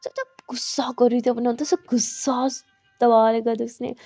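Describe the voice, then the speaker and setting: A woman tells a love story in a lively way. Her voice is high and gravelly with a mellow tone. The recording sounds dull and lo-fi. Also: moderate pace, soft background music.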